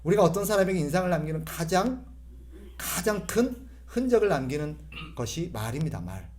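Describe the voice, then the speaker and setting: A man's voice: on the high side, big pitch swings, brisk, a little mellow. A middle-aged male pastor giving a humorous sermon, imitating voices and having the congregation repeat phrases after him.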